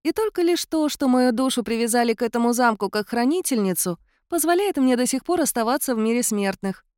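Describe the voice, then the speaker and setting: A woman voicing a blunt, calm female cat-mouse guardian spirit in an audiobook, with an offhand, bossy manner. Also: fairly high pitch, brisk, no echo, clean studio sound, voice pushed up, close to an everyday voice. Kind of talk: audiobook character voice.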